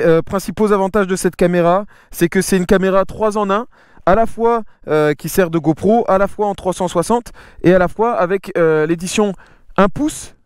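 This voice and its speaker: A man's voice: sits high, a little mellow, clear, resonant tone, no room sound. A man giving a casual, hands-on product presentation, slangy and sweary, feeling his way through the explanation. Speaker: vlogger presenting a camera.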